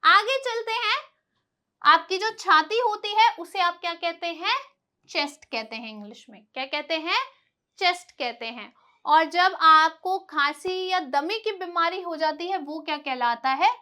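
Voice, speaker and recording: Woman teacher, super high bright voice, keeps asking and answering her own questions. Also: animated, measured pace. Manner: explains patiently, stressing pronunciation. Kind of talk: vocabulary lesson.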